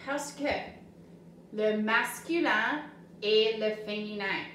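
A woman teaching a simple French lesson to children, speaking slowly and clearly, repeating each word and giving English translations. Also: medium pitch, fairly bright tone, a little hiss or hum. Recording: very echoey room, voice from far off.

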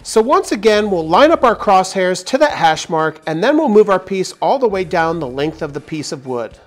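A woodworking channel host in his forties narrates a workshop tutorial, walking through his project step by step in an upbeat, clear voice at a moderate pace. His pitch swings lively from line to line, and soft music plays faintly behind him in a large indoor wooden workshop.

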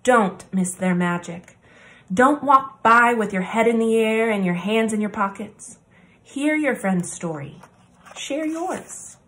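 A woman presents story time, reading a children's picture book aloud with deliberate, expressive phrasing and pauses. Her voice is on the high side.

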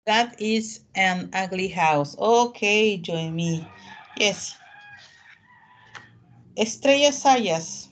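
A woman with a medium-pitched, expressive voice teaches English online, calling on students over a video call. Patient and slow in her explanations, she moves back and forth between Spanish and English.

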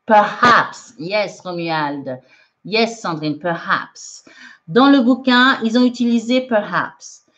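A woman's voice: medium pitch, slow pace, fairly bright tone. A woman teaching English in a live online lesson, reading out viewers' comments and correcting them in a chatty way with frequent laughs, mixing French and English. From France. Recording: dull lo-fi livestream audio.

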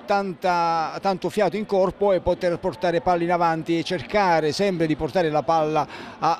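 High-voiced Italian man commentating over stadium noise. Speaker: football co-commentator. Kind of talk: live match commentary. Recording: noisy outdoor stadium sound.

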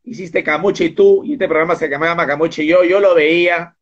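A man hosts a relaxed interview over a video call, chatting freely and wandering into asides. His voice sits a little high for a man, and the audio comes through dull and lo-fi. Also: a little fast. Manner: chatty, jumps between topics with asides. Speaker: interviewer and host. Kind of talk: casual online interview.

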